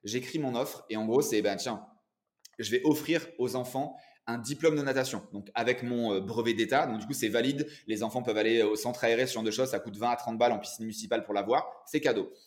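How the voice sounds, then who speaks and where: Energetic man in his forties. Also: mid-range voice, brisk. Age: 40s. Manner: energetic, animated storyteller. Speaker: guest entrepreneur and coach. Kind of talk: casual interview chat.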